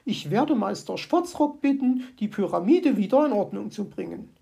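A woman voicing a prim, touchy female magpie in a storybook audio play, scolding and indignant in a husky, gravelly voice. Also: animated, normal speed, mellow, heavily acted. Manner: indignant, scolding, shrill outbursts.

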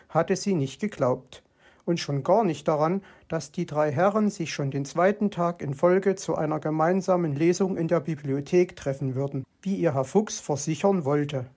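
Storybook reader, gravelly fry in the voice, calm and even. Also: mid-range voice. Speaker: narrator. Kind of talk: storybook reading.

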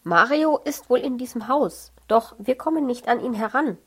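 A woman reading a children's audiobook, voicing an earnest, worried young boy who speaks a little higher and quicker. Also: expressive, husky.

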